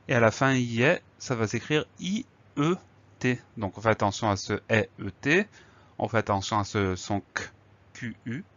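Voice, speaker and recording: A male teacher giving a spelling lesson, calmly explaining each word and spelling it out letter by letter. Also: medium pitch. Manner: patient, spells words letter by letter. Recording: slightly dull lo-fi recording.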